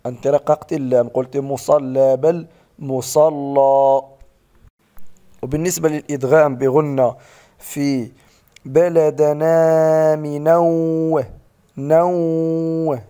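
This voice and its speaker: A man teaching recitation who patiently corrects his students. He slows right down to model each sound. His voice is mellow and warm, at a middle pitch.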